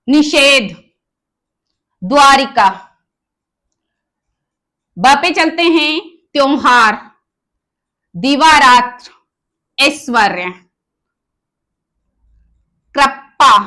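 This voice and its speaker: A woman's voice: high-pitched, bright, forceful tone. A woman with a Rajasthani Hindi accent teaching an exam-prep Hindi grammar lesson, asking the class questions and answering them herself as she goes through each option. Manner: spells out words slowly, option by option.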